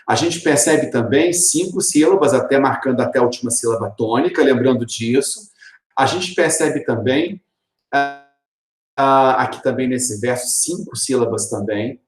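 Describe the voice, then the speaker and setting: A man explains literature in a video lesson, his voice sitting at an ordinary middle pitch. He walks through his points patiently, tucking in little rhetorical questions. The room around him rings with a noticeable echo. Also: normal speed. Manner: explanatory, tags lines with rhetorical "né?". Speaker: literature teacher. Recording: roomy echoey room.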